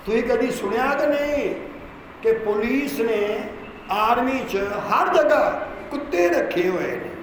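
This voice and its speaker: A pastor from Punjab, India, with a Punjabi accent, preaches a Sunday sermon in a church hall, leading call-and-response and urging the congregation to repeat his words aloud. His voice is extremely high and expressive, and he speaks unhurriedly. A crowd can be heard behind him, and the hall is echoey, with long reverb and noise.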